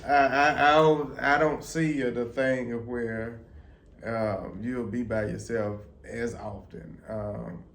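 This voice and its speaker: A middle-aged father who talks in a halting way, stammering and repeating words, and gently teases his daughter. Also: medium pitch, fairly even intonation, vocal fry. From United States. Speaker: guest, the host's father. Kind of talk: casual heartfelt conversation. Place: indoors at a table. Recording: echoey room with faint background noise.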